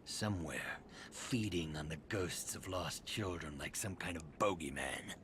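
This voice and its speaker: In a video game cutscene, an unhurried male voice speaks as the bitter, brooding heir of a sinister amusement-park tycoon. His low register carries an ominous monologue whose phrases sink into a hush. Faint ambient noise sits behind him.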